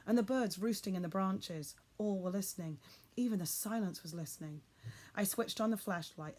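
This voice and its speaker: Expressive woman reading a children's story. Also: medium pitch. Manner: expressive, builds suspense. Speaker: audiobook reader. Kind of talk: reading a children's novel aloud.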